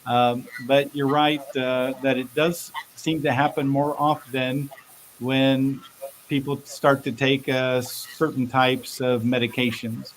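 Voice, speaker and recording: Male interview guest, medium pitch, conversational explainer with a halting, word-repeating delivery and light hiss. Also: level tone, low-quality recording. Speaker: interview guest, expert speaker. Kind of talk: casual explanatory interview talk. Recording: faint background hiss.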